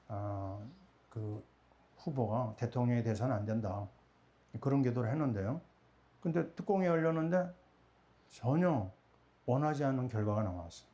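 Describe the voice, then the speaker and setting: A middle-aged man delivers a Sunday sermon in a warm, mellow voice at an ordinary pitch. He keeps posing questions to the congregation and answering them himself. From Korea. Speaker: pastor.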